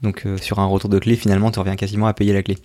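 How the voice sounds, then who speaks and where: A man's voice: lowish voice, level tone, racing, dark tone, dry recording. A man hosting a casual tech podcast, chatty and hesitant, with many fillers. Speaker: podcast host. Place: lives in Sweden.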